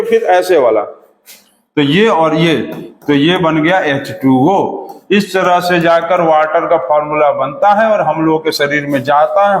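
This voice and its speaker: A man giving a chemistry lesson in a chatty, repetitive way, coaxing his students along. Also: fairly high pitch. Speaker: teacher. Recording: echoey room with long reverb.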